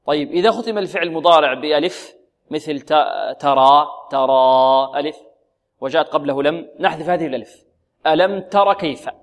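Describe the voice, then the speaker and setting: A man's voice: fairly high pitch, brisk. A middle-aged man teaching Quran recitation, patiently asking his students questions and drilling letter sounds for them to repeat. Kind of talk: tajweed lesson with call-and-repeat drills.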